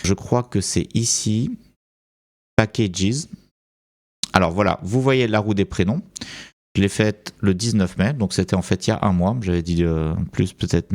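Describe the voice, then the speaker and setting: Narrating a screen-recorded tutorial, a French-accented man thinks aloud and hesitates, leaning heavily on fillers. His lowish voice comes across a little mellow.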